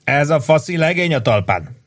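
Man doing a rowdy young soldier, high and loud, joking, shouting, teasing. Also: lively intonation. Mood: boastful. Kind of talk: audiobook character voice.

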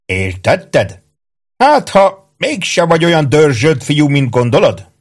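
A man's voice: a little high, big pitch swings, pitched above the performer's own voice. A man voicing a bossy, suspicious army sergeant who bellows orders in rustic, slurred speech.

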